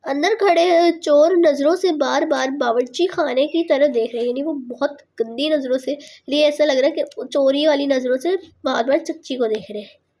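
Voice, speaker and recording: A woman's voice: sits high, darkish tone. A young woman reading a funny story aloud and stopping after each line to explain it again in simpler words, with many fillers.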